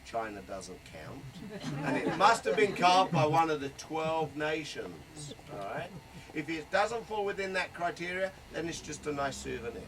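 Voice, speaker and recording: A man's voice: on the high side, big pitch swings, measured pace, crowd noise. A man giving a joking, playful running commentary as a tour guide on a moving bus. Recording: distant voice with road noise.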